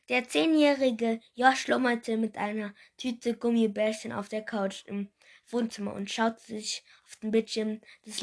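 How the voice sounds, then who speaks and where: Slow-reading woman narrating a children's book. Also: fairly high pitch, gravelly, sharp tone. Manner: unpolished, stumbling over words. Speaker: reader.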